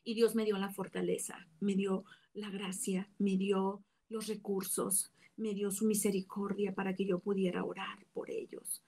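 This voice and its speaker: A woman's voice: medium pitch, level tone, measured pace, few pauses, mellow, breathy edge. A woman from Mexico gives an earnest, reflective personal religious testimony, with small restarts. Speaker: testimony speaker.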